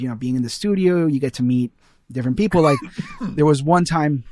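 A man's voice: medium pitch, darkish tone. A young man from Ecuador, a guest in a casual podcast chat, talking in a rambling way with many fillers and restarts. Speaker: guest, animation artist.

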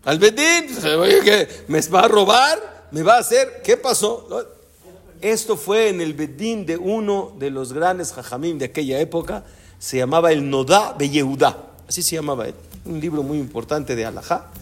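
A rabbi tells a teaching story in a high, lively voice. His pitch climbs and dips all the time, and he keeps drawing his listeners in with rhetorical questions. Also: normal speed. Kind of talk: storytelling Torah class.

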